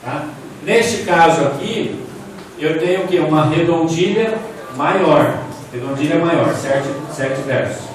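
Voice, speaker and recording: In a large, echoey hall, a man lectures on poetry from slides, explaining things step by step and putting questions to the audience. His voice is on the high side and he takes his time. He's distant from the mic, so the sound is echoey with faint room noise.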